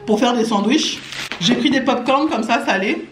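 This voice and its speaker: A family vlogger chats in her living room for a casual haul video, informal and slangy, with music underneath. Her voice is a little high at normal speed, and the echoey room recording has clear noise and clicks.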